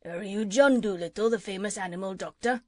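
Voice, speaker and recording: A woman voicing a calm, polite shark. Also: mid-range voice, brisk, no room sound, clean studio sound, close to an everyday voice. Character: polite, helpful male shark.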